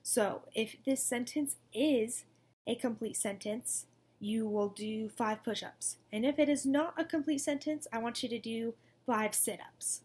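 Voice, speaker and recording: A woman's voice: on the high side, a little slow, darkish tone, husky. A young woman teaching a recorded lesson to second graders, in an upbeat, coaxing manner. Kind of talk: recorded distance-learning lesson.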